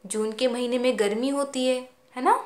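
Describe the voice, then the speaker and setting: A woman schoolteacher patiently teaching young children, stretching out each word slowly for them to repeat. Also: high voice, fairly even intonation, darkish tone. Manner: slow, drawn-out word-by-word pronunciation drills; patient, explaining and asking children questions. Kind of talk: Hindi phonics lesson for young children. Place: school classroom. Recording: echoey room.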